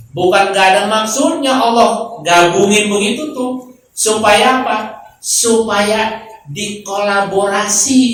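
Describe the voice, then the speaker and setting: A man preaching a humorous sermon in a prayer hall, talking in a colloquial, joking way and trading calls with his audience. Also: high-pitched. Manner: joking, colloquial, lively call-and-response with the audience. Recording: echoey hall, voice from far off.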